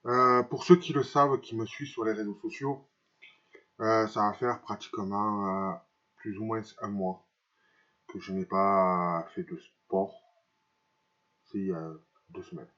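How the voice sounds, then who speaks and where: A man talks haltingly in a personal vlog, his speech slightly impeded by dental braces. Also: on the low side, fairly even intonation, a bit bright, muffled recording. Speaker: vlogger. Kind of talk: personal vlog confession to camera.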